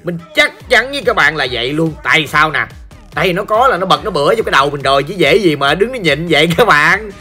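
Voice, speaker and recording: Gaming host: hoarse Southern Vietnamese man, high and sharp-toned, playful chatty commentary. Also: lively intonation, quick pace. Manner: playful, joking, talks straight to viewers. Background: faint background music.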